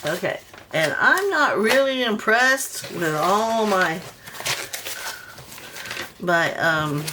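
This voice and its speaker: A woman talks at an unhurried pace while she works in her home craft room. Her delivery is rambling and chatty, full of restarts. A faint hiss of background noise sits under the recording. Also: medium pitch, lively intonation. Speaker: crafting vlogger. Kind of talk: casual crafting chat while working.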